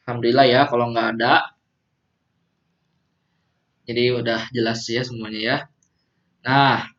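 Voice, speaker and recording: A man's voice: mid-range voice, a bit bright. A man teaching English phrases, patiently repeating them for students to drill. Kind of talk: classroom teaching simulation. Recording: muffled lo-fi recording.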